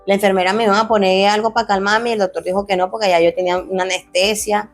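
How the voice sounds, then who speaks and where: A woman's voice: mid-range voice, steady tone, quick pace, faint music behind. A young adult woman, a former athlete turned fitness coach, earnestly tells her life story in an interview, often restarting phrases and acting out quoted dialogue. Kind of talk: emotional personal storytelling.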